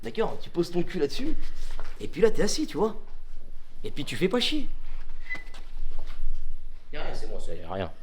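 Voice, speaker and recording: A man's voice: a little high, huge pitch swings, moderate pace, long pauses, slight background noise. A young man live-streaming an exploration in casual chat, speaking in sweary suburban street slang.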